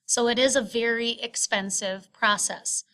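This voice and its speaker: A woman teacher narrating a screen-recorded lecture, explaining step by step in a halting way with frequent filled pauses. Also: on the high side, fairly even intonation, bright, forceful tone. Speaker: science teacher. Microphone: screen recording voice-over.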